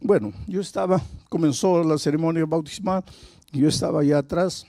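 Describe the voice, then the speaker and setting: A man's voice: a little high, steady tone, a little fast, mellow, no room sound, clean studio sound. A male pastor preaching a sermon, telling a story dramatically and vividly.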